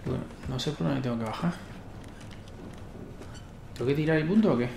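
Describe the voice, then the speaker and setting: Creaky-voiced Spanish man playing games. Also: fairly high pitch, a little fast, a little mellow, reverberant, slight background noise. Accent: Spain. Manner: muttering, sweary. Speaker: gaming streamer. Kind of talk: casual gameplay commentary. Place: indoor room at home.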